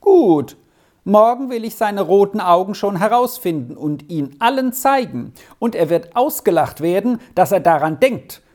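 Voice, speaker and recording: Bully schoolboy, loud and threatening, raised pitch, voiced by a slow-paced audiobook reader. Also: expressive, exaggerated voice. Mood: shouting furiously. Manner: shouting, threatening. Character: furious bullying older schoolboy, hot-tempered. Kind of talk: audiobook reading.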